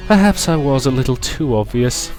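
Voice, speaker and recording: A man voicing a young demon grand master, calm and arrogant with a musing, self-mocking manner. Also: mid-range voice, normal speed, soft background music, pitched above the performer's own voice, close to an everyday voice.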